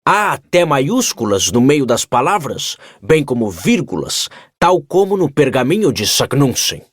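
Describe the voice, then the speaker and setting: An excitable, absent-minded older professor voiced by a man for an audiobook, speaking in emphatic, animated bursts. The sound is dry and close. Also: mid-range voice, unhurried, dry recording, pitched above the performer's own voice. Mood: eager. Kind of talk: audiobook character voice.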